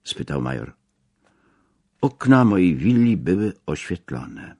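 Low husky male audiobook narrator. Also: very animated, slow, mellow.

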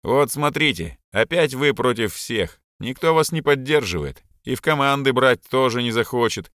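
A man voicing a bossy schoolboy leader who scolds and gives loud orders. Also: mid-range voice, animated, moderate pace, no echo, studio quality, pitched above the performer's own voice, natural voice.

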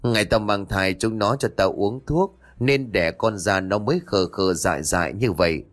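A man's voice: lowish voice, normal speed, fairly bright tone, natural voice. A man voicing a vengeful young female ghost, a wronged mother, with bitter accusations in a ghost story. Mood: bitter wailing.

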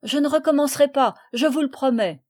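A woman's voice: medium pitch, a little slow, darkish tone, no echo, clean studio sound, lightly acted. A woman reading the lines of a frightened young miller's lad who begs for mercy. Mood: pleading. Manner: pleading, fearful.

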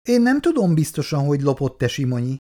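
A man's voice: medium pitch, very animated, darkish tone, natural voice. Man reading as an apologetic young worker. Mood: unsure. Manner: apologetic and unsure. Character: young male factory worker, red-faced and apologetic. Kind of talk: reading a novel aloud.

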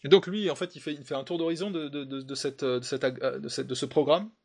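A man's voice: a little high, steady tone, brisk, gravelly, darkish tone. A man hosting a casual podcast discussion, talking in a hesitant, sneering way with many fillers and restarts. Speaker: host.

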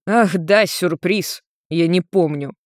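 A narrator voicing a confused blond male demon who speaks softly and wryly. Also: mid-range voice, slow, dry recording, studio quality, lightly acted.

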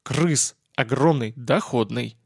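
A man voicing a coarse, excitable young woman scavenger who curses and shouts in an audiobook. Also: medium pitch, slow pace, vocal fry, slightly rough, no room sound, studio quality, full character voice. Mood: excited.

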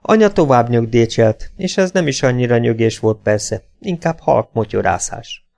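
A man narrating an audiobook in a low, measured storytelling tone. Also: lively intonation, vocal fry, darkish tone.

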